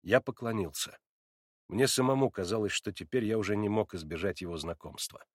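A man narrating a literary audiobook in a calm, subdued way. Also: fairly low pitch, fairly quick, dry recording, studio quality.

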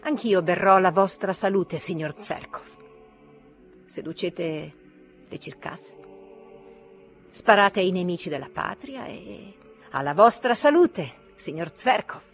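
A woman's voice: lowish voice, animated, slow, long pauses, faint music behind, pitched above the performer's own voice. A woman reading an audiobook, voicing a bitter, feverish young male outcast who declaims shrilly and defiantly. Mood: drunken.

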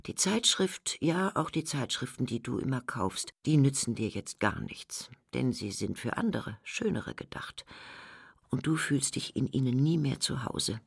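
A woman playing a sly voice that taunts an aging woman in a literary radio drama. She coaxes and drops into soft whispers. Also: rumbling low, expressive, measured pace, vocal fry, breathy edge, dry recording, studio quality, heavily acted. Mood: mocking.

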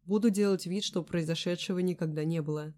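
A woman's voice: on the low side, fairly even intonation, a little fast, mellow, natural voice. A woman reading a charming, easygoing young man teasing a girl on the phone in an audiobook, with a velvety voice. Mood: reassuring. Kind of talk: audiobook character voice.

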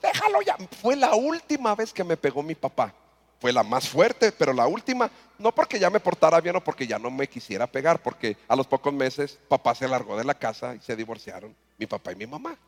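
A man with a Mexican accent telling a comic story on stage as a motivational speaker, animated and acting out the voices. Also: mid-range voice, a little fast, vocal fry. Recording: long reverb in a hall.

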